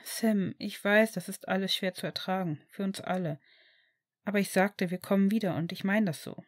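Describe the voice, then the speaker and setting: A woman voicing a caring, steady young man, in an audiobook reading of fan fiction. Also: medium pitch, normal speed, dry recording, close to an everyday voice. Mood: reassuring. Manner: reassuring, earnest.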